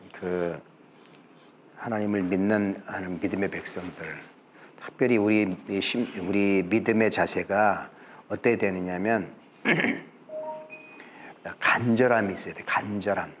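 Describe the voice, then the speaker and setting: A man's voice: fairly low pitch, a bit bright, a little hiss or hum. A man preaching a Sunday sermon as pastor, fervent and repetitive, acting out short quoted exchanges from scripture.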